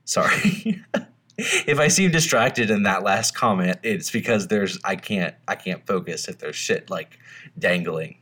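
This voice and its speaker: A man's voice: low voice, animated, unhurried, sharp tone, slightly rough. A man co-hosting a movie podcast in casual, rambling chat, recording under a blanket. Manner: rambling, laid-back, swears freely. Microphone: home podcast mic under a blanket.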